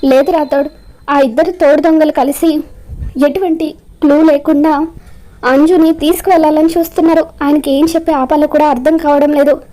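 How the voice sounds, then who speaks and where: A woman's voice: high voice, fairly even intonation, moderate pace, warm tone, lightly acted. A woman reading the lines of a spirited, hot-tempered young mother, in her own narrating voice. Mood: feisty.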